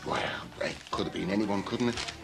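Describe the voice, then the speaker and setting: A man's voice: fairly low pitch, moderate pace, vocal fry, over loud music. Shifty, evasive Liverpool man. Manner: evasive, defensive, shrugging things off. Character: shifty working-class man and dad. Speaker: robber and father. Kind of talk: TV soap acting.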